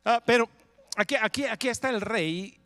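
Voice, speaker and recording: A man preaching a sermon as pastor, retelling a scripture story in a lively way with frequent rhetorical questions. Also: very high-pitched, moderate pace, no echo. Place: church in Texas.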